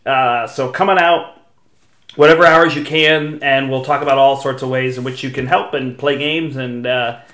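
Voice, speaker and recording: A man's voice: mid-range voice, steady tone, normal speed, a bit bright, reverberant. A man hosting a podcast in a casual, chatty style. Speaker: podcast host. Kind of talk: casual gaming podcast chat.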